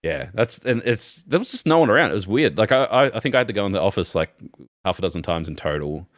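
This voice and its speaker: A young podcast co-host tells rambling stories in a casual chat, animated and laughing a lot. His voice is fairly low and fast. The recording is dry, with clean studio sound.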